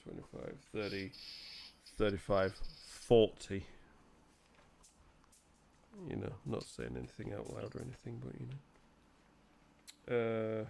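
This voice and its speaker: A man's voice: lowish voice, very animated, slow pace, vocal fry, pauses often, darkish tone, a little hiss or hum. Blunt, bantering game master, a man. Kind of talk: casual tabletop game narration and rules talk.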